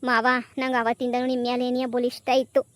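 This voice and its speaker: A woman voicing a high, quick-talking young village wife in a cartoon comedy. She turns from sugary begging to biting scorn. The recording is close and dry. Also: monotone, no room sound, natural voice. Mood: pleading. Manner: pleading sweetly to her father-in-law, then scolding with contempt.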